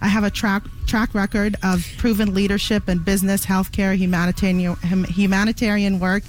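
Earnest Iraqi-born woman, halting speech. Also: medium pitch, level tone, rough recording. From Iraq. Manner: earnest, halting with many fillers. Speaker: city council candidate. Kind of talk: radio interview guest.

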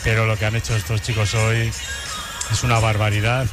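A man working as a football pundit speaks emphatically and from the heart, his voice mid-pitched and level in tone. Music plays underneath. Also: little pitch movement, brisk. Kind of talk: studio analysis.

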